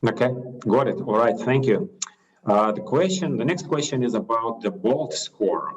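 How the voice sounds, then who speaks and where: A man asking interview questions in a halting, hesitant way with many fillers. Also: mid-range voice, animated, muffled recording.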